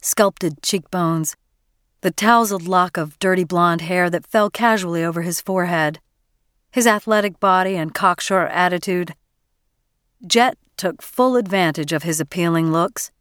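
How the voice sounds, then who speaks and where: A woman narrating an audiobook in a measured, even storytelling manner, close to the mic. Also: lowish voice, clear, resonant tone, no room sound. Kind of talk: scripted narration.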